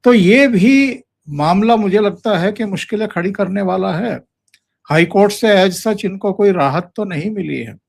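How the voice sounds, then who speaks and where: A man hosting a political discussion show, asking in a measured, deliberate way. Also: high-pitched, creaky, no echo, studio quality. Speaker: show host.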